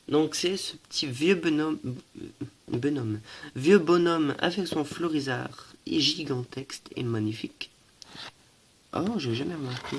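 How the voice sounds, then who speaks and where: A young man from France showing his collection in a casual show-and-tell, hesitant, with many fillers and self-corrections, and stuffy from allergies. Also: medium pitch. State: stuffy, coughing.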